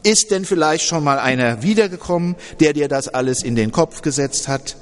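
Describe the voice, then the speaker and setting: A man's voice: fairly high pitch, lively intonation, moderate pace, long reverb tail, close to an everyday voice. A man voicing an unborn boy in a sermon story, scoffing and indignant. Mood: scornful. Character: unborn boy, scornful and stubborn.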